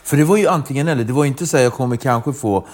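A man's voice: medium pitch, darkish tone. A man hosting a casual interview, prompting his guest with short questions. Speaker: podcast host.

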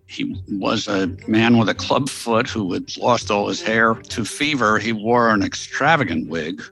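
A man's voice: on the low side, unhurried, vocal fry, bright, forceful tone, faint music behind, low-quality recording. A man, a historian guest, explaining history in a casual, enthusiastic storytelling way with fillers. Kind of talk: interview explanation.

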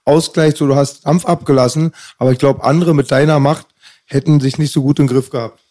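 Male interviewer, warm tone, casual and admiring. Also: a little high, fairly even intonation, fairly quick.

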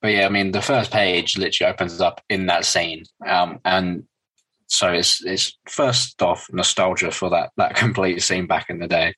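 A man's voice: deep voice, fairly even intonation, normal speed, bright, forceful tone, slightly rough, poor audio. A man co-hosting a podcast, casually retelling comic scenes with filler words. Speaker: podcast co-host.

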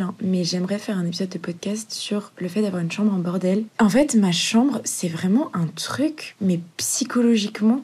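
A woman in her twenties with a slightly husky voice, rambling casually and slangily as a solo podcast host, recorded on a phone dictaphone in a bedroom. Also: mid-range voice, warm tone. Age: 20s. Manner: informal, rambling, slangy with English words mixed in. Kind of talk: casual solo podcast monologue, chatty storytelling. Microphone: phone dictaphone resting on laundry basket on a bed.

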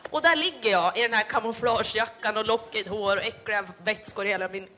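This podcast host is a young woman from Sweden whose Hälsingland accent colors a filler-heavy comic story told live on stage. She speaks at a medium pitch in a bright, forceful tone.

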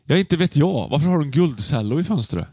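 A man in a casual podcast chat, teasing and wry, trading quick lines with his co-host. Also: fairly high pitch, expressive, dark tone, dry recording, studio quality.

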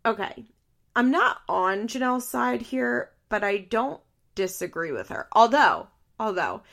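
A woman with a Valley Girl accent and vocal fry, hosting a casual podcast recap, full of "like" fillers and amused swearing. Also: fairly high pitch, very animated, a little slow, a bit bright. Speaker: podcast host. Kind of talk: casual reality-TV recap monologue.

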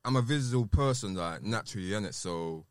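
A man's voice: lowish voice, animated, a little fast, dry recording, clean studio sound. A man with a South London roadman accent, chatting casually and loosely in street slang as a podcast guest. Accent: South London, urban roadman. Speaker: podcast guest, rapper and producer.

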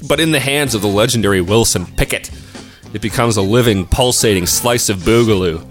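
A man's voice: lowish voice, a little fast. A man co-hosting a music debate podcast, reading prepared arguments with a dry, sardonic wit. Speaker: podcast co-host.

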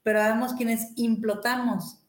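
A woman hosting a radio talk show, explaining to listeners in a lively storytelling way. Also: a little high, a little slow. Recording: roomy echo.

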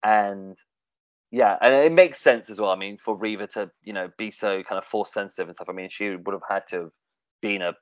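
A man's voice: fairly low pitch, fairly quick, no room sound. A man talking casually in a discussion, hesitant, with many fillers and restarts. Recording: dull, dry, lo-fi sound.

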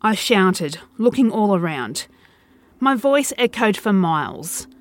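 A woman narrating a first-person horror story in an expressive reading. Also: medium pitch, slow pace, no echo.

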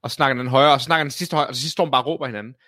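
A man co-hosting a fitness podcast, telling gym stories in a casual, animated way and swearing freely. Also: mid-range voice, no room sound, clean studio sound. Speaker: podcast co-host. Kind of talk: casual chat.

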